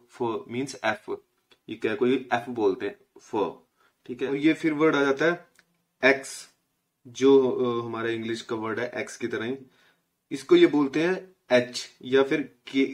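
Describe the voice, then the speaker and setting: Young man teaching, from India, patient explanations, slow repeated letter sounds, mid-pitched voice. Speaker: language teacher. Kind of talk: casual spoken lesson.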